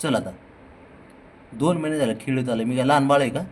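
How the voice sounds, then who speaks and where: घरी फोनवर व्हिडिओ करत मांजराला आंघोळीसाठी लाडाने, चिडवत वारंवार हाका मारणारा, मराठी लहेजा असलेला पुरुष. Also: male voice, mid-range voice, fairly quick, darkish tone, a little hiss or hum. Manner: coaxing, teasing, repeats calls. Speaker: cat owner filming his pets. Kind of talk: casual home video, coaxing a pet. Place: indoors at home.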